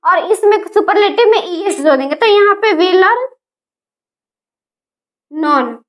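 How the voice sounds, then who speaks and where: High-voiced woman teaching grammar. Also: expressive. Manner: spells words letter by letter slowly. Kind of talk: grammar lesson.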